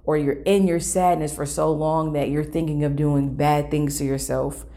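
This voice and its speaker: A woman's voice: low voice, level tone, moderate pace, warm tone. A woman talking earnestly and thoughtfully to her listeners, reflecting on personal struggles.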